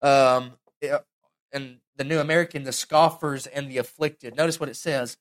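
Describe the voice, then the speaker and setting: A young man preaching in an earnest, animated way. His voice sits at a middling pitch for a man. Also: normal speed. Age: young adult. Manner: earnest and animated, acts out quotes. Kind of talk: sermon, Bible teaching.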